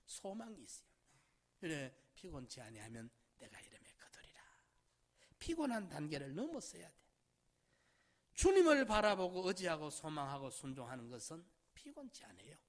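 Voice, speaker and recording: Brief: middle-aged man preaching a sermon, slightly high voice, big swings from loud to hushed. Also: huge pitch swings, moderate pace. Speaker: pastor.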